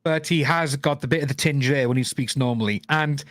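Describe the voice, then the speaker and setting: A man's voice: medium pitch, fairly quick, a bit bright, dry recording, clean studio sound. A man with a Welsh accent hosting a casual podcast chat, rambling with many restarts and fillers. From Wales. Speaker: podcast host.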